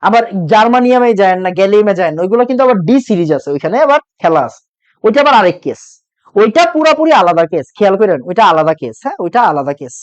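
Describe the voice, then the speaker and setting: In a muffled recording, a young man runs an online chemistry lesson in rapid-fire bursts, his high voice swinging widely in pitch. He repeats each point and quizzes the class, though his throat is sore from speaking loudly.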